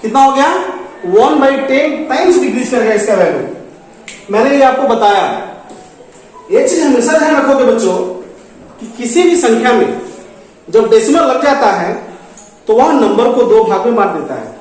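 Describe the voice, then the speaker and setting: High-voiced male teacher in an echoey classroom. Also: lively intonation, moderate pace, long pauses, a little mellow. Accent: Bihari Hindi mixed with English number words. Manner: repeats questions and answers them himself, calls the class "my dear children". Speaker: school teacher. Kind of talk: classroom math lesson.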